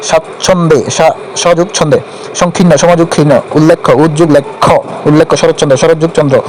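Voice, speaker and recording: A somewhat high-voiced man runs through a grammar drill, listing item after item. He stumbles now and then and picks right back up. A faint hiss sits under the recording. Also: flat delivery, darkish tone, low-quality recording. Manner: rapid rote listing with small slips. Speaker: teacher. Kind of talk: reciting grammar drill for exam prep.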